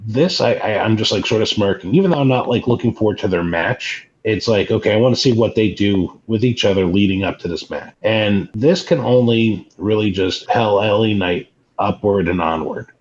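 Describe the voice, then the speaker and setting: A man with a fairly low voice gives measured, casual wrestling commentary as a podcast co-host. He talks in a discursive, analytical way. The recording is muffled, with noticeable noise behind him. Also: a little mellow. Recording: muffled lo-fi, clearly noisy background.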